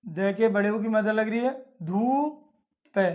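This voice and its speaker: A man teaching children to read Hindi, spelling out each syllable slowly and repeating it, with a Hindi accent. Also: sits high, darkish tone. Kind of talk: slow instructional lesson. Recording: dull lo-fi audio.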